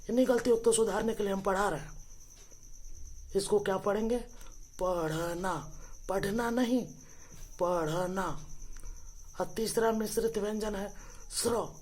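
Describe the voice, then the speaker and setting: A woman teaching the alphabet to children, reciting each letter slowly and correcting mispronunciations, calling viewers her dear friends. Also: mid-range voice, a little mellow, a little hiss or hum. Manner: slow deliberate recitation of letters, correcting pronunciation.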